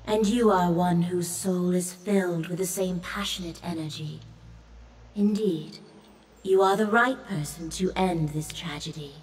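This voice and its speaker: A woman's voice: on the low side, unhurried, distant mic, a little hiss or hum, lightly acted, rough recording. A woman playing a solemn, commanding goddess of birds and song in a video game, speaking formally and mournfully. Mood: measured, insistent. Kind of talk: scripted game dialogue.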